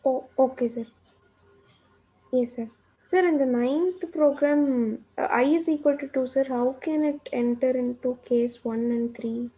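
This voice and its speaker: A woman with an Indian accent speaks deferentially as a student in an online class. Her voice is high, very muffled in tone and a little husky. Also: measured pace, dark tone. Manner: deferential, says "sir" often. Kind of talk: asking questions in online class.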